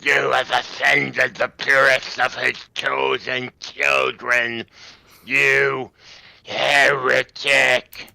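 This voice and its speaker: A man voicing an enraged old mutant cultist in a creaking voice, shouting slow, drawn-out condemnations for a tabletop-style game. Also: medium pitch, little pitch movement, no room sound, voice pushed up, exaggerated voice. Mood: outraged, fanatical. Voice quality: creaking, spitting voice.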